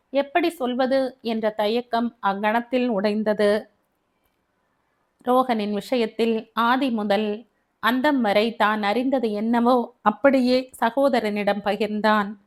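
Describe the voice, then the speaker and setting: Slow-reading woman narrator. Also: fairly high pitch. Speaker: audiobook narrator. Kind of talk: scripted narration of a family novel.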